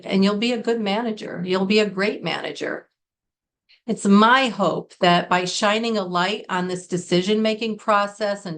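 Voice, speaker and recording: Speaking to camera from a script, a middle-aged American woman from Connecticut walks through a business English lesson. She sounds sincere and deliberate, her voice at a normal middle pitch, leaning on the important words while explaining.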